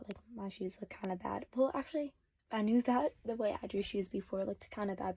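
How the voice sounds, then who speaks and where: A woman's voice: mid-range voice, mellow, slight background noise. A teenage girl narrating her drawing process in a casual, hesitant voice-over, full of fillers, recorded without a proper mic. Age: teens. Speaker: vlogger. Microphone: no external mic.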